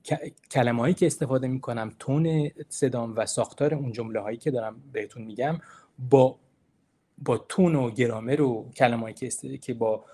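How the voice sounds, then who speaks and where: A man's voice: mid-range voice, mellow. A man giving an informal academic lecture. He talks in a chatty, encouraging way, asks rhetorical questions, and explains and repeats key points. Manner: explains terms and repeats points to stress them. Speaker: university lecturer giving a presentation.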